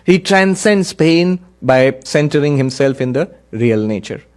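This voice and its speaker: A man, a monk, giving an earnest spiritual discourse, telling parables in an unhurried, emphatic way. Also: on the high side, lively intonation.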